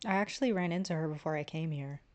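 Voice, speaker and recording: A woman's voice: sits low, quick pace, a little mellow. A woman streamer reading a visual novel aloud, narration and the player's lines, stumbling at times.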